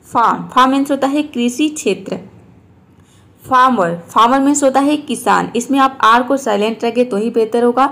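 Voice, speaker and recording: A woman teacher explaining words and repeating each one slowly. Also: fairly high pitch. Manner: slow, repeats each word to show how it is said. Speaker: English teacher. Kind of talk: explaining lesson.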